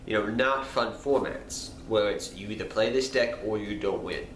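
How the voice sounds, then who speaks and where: Nasal with a cold, a card game channel host rambles casually to his viewers at normal speed in a fairly low voice. He repeats himself and sounds apologetic. Echo and faint background noise fill the recording.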